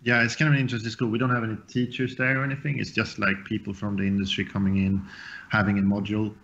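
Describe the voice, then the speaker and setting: Brief: man in his 30s from Sweden, low voice, relaxed guest chat on a muffled lo-fi stream. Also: fast. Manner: relaxed, loose with fillers and restarts. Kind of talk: casual podcast chat.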